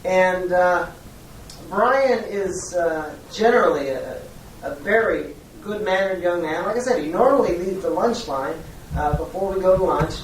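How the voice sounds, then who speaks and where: Lightly acted and friendly, this mid-pitched teacher role-plays a polite, diplomatic schoolteacher calling a parent as a phone call demonstration. The speech is hesitant and measured, diplomatic and full of pauses. An echoey room, a far-off mic and faint noise shape the sound.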